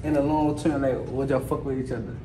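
Young male street interviewer, fast slangy questions, echoey noisy indoor hall. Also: medium pitch, level tone, recorded from a distance. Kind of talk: casual campus street interview. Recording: echoey hall with loud noise.

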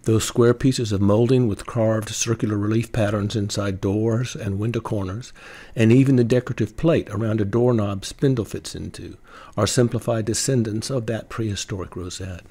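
Older man calmly explaining woodworking. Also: lowish voice, husky. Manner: calm, unhurried explaining with occasional fillers. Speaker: woodworking channel host. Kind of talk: scripted history narration and workshop demonstration.

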